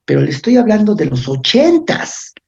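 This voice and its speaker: A man's voice: high voice, wildly swooping pitch, normal speed, gravelly, darkish tone, husky. A man giving a university physiology lecture, explaining step by step and often checking in with his students. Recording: dull lo-fi lecture recording.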